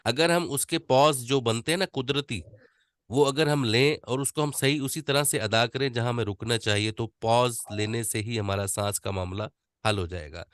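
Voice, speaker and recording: A man teaching an online voice-over class, demonstrating slow readings with deliberate pauses. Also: mid-range voice, fairly bright tone, no room sound.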